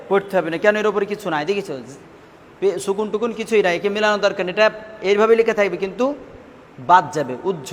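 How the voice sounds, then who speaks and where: There's slight background noise as a man with a high, somewhat bright voice teaches in a large hall. The classroom lesson covers Quran recitation rules, and he asks questions, repeats the answers, and lengthens syllables as practice.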